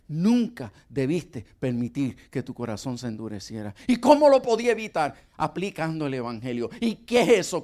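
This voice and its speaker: A man's voice: fairly high pitch, a little mellow. A middle-aged man preaching a sermon, acting out dialogues with God and his wife.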